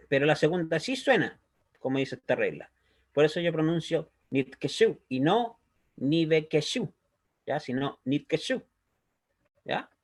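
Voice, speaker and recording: A man's voice: on the high side, big pitch swings, normal speed. A man teaching a recorded language lesson, explaining step by step and checking in with a frequent "¿ya?". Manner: patient, checks understanding with a frequent "¿ya?". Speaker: Hebrew teacher.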